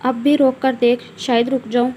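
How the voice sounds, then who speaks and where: A woman's voice: fairly high pitch, level tone, moderate pace, warm tone, a little hiss or hum, natural voice. A woman reading the lines of a brooding, bitter young village man in a read-aloud story. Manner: bitter, sulky retorts.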